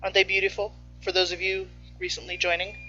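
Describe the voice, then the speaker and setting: Playful woman host, chatty kitchen banter, bright voice, slightly dull recording with faint music. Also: mid-range voice, little pitch movement, fast talker. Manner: chatty and playful, talks with her mouth full. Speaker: baking show host. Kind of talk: casual cooking stream. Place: home kitchen.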